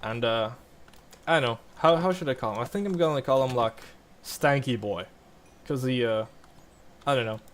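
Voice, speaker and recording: A man's voice: mid-range voice, moderate pace, slight background noise. A young man casually rambling over gameplay, full of likes and restarts. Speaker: gaming vlogger.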